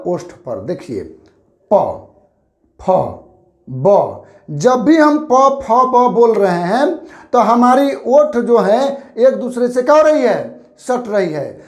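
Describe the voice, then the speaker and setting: A male teacher giving an exam-prep grammar lesson, who explains by repeating points and asking questions that he then answers himself. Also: very high-pitched. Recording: roomy echo.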